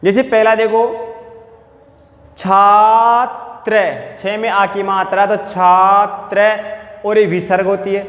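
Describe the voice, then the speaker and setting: A male teacher at a blackboard, drawing out each word slowly for pupils to repeat and often asking if they have understood. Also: sits high, level tone. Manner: slow, drawn-out syllables for pronunciation drills; addresses pupils directly, asks check questions. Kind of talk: classroom lesson at a blackboard. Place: classroom with blackboard. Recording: echoey classroom with long reverb.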